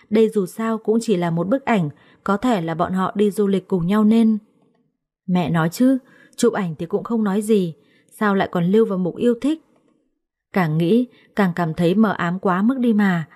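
A woman narrating a first-person story in a steady, emotional way. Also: mid-range voice.

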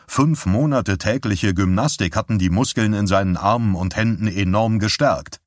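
A man narrating an audiobook in a steady, measured way. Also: lowish voice, no room sound, studio quality.

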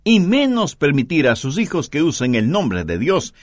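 A man's voice: on the high side, huge pitch swings, moderate pace, no echo, studio quality. A man preaching an earnest sermon, telling stories and making points with strong emphasis.

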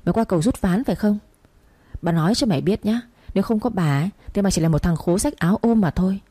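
A woman voicing a furious, scheming middle-aged second wife who scolds in rapid bursts. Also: mid-range voice, warm tone, breathy edge, dry recording, lightly acted.

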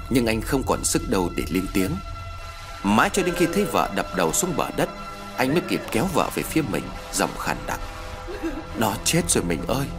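A man narrating a ghost story in a dramatic, expressive reading. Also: fairly low pitch. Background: faint background music.

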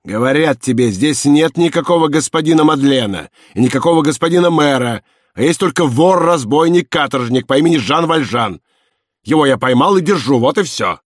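A man voicing a harsh, bullying middle-aged police inspector who shouts and scoffs in an audiobook reading. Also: fairly high pitch, animated, brisk, no room sound, studio quality, pitched above the performer's own voice. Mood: scornful. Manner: shouting, scornful, barking.

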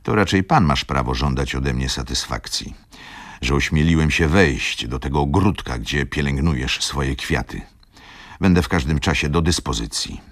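A man voicing a proud middle-aged merchant in a radio reading, cold and measured. the voice sits very low with a gravelly, creaky grain, and the sound is dry and close to the mic. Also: animated, no room sound, full character voice. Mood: stern. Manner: measured, hollow, clipped.

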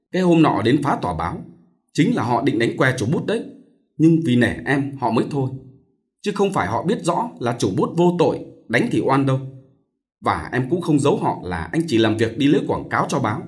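A man's voice: medium pitch, sing-song, fairly quick, natural voice. A man voicing an earnest young male student who explains things to his sister.

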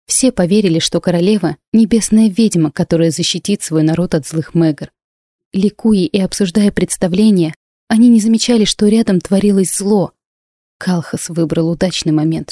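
A woman narrating a first-person fantasy audiobook in a steady, expressive storytelling manner. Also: lowish voice, no room sound, clean studio sound.

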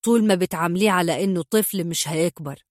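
A woman voicing a stern, coolly calm father with an Egyptian accent, speaking flatly and cuttingly. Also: lowish voice, fast, no room sound, studio quality, close to an everyday voice. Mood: cold calm. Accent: Egyptian Arabic.

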